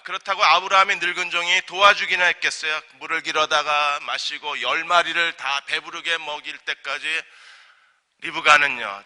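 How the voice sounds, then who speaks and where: A male senior pastor preaching a sermon at a midweek service, animated and firing rhetorical questions at the congregation. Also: high-pitched. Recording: long church hall reverb.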